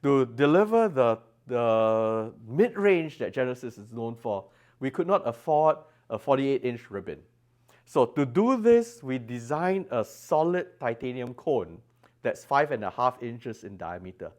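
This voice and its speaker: At an audio show, a designer shows off his products in an exhibition-room interview, explaining the technical details with emphasis. The man is very animated, his voice medium-pitched and a little mellow, and he talks a little slowly.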